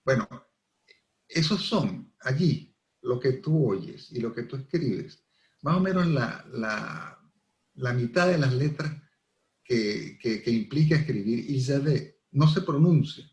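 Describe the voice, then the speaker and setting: A man's voice: mid-range voice, animated, slow pace, darkish tone. A middle-aged man with a Venezuelan accent, a language professor explaining things with examples as a radio interview guest. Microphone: radio studio microphone. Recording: echoey radio studio sound.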